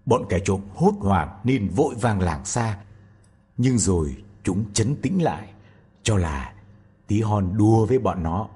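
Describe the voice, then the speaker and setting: A man reading a fairy tale aloud in an expressive, animated way. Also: lowish voice, a little slow, husky. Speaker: storyteller.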